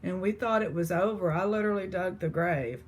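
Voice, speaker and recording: A woman from East Texas, USA, with a lowish, slightly rough voice and a fairly quick pace chats casually with her viewers as an online seller. She rambles in her East Texas accent, full of fillers and restarts.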